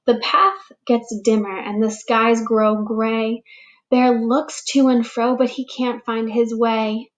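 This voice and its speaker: Slow, expressive teacher reading aloud. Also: female voice, fairly high pitch, highs cut off. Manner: slow, expressive storybook reading with character voices. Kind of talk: read-aloud storytime for children.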